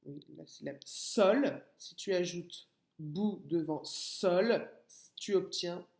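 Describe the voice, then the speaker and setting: A woman teaching a phonics lesson to young children, breaking words into syllables slowly and patiently. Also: lowish voice, vocal fry, a little mellow, roomy sound. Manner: slow, syllable-by-syllable, patient explaining. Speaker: kindergarten teacher.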